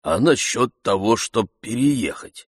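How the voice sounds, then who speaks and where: A man's voice: mid-range voice, animated, measured pace, husky, no echo, clean studio sound. A man reading an audiobook, voicing a timid, grumbling old male servant with humble, muttering pleas. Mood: pleading.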